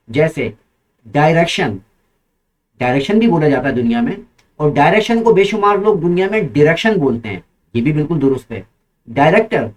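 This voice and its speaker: Man, English teacher, slow repeated drills, patient explaining. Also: a little high, a little mellow, rough recording. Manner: repeats phrases slowly, then explains in Urdu-flavored Hindi.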